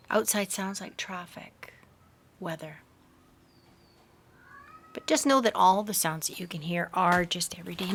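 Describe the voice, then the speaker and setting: Outdoors in a garden, with faint ambient sound around her, a woman leads a slow, soothing guided meditation with hypnotic induction. Her lowish voice is measured and hushed, often softening into breathiness.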